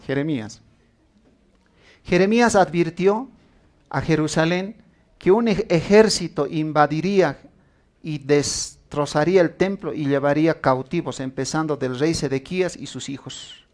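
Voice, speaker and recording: A man preaching a sermon, telling stories with acted-out quotes and asking the congregation questions. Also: fairly high pitch.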